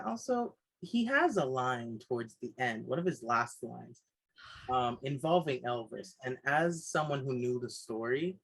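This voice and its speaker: A man co-hosting a casual film review podcast, animated and quick to act out his own reactions. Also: mid-range voice, poor audio. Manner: animated, puts on voices when quoting himself.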